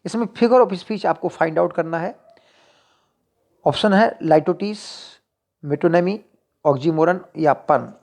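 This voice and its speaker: Speaking a little slowly with frequent pauses, this teacher has a medium-pitched, slightly mellow voice. Each exam-prep question and its options are read aloud, followed by an explanation in Hindi that mixes in English literary terms.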